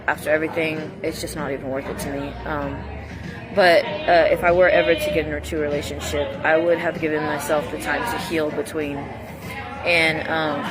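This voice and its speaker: A woman's voice: low voice, poor audio. A young adult woman giving a rambling, confessional livestream monologue in a candid, emphatic and repetitive way, with blunt language. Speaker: livestream vlogger. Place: coffee shop, indoors. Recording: music playing behind the voice. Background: music.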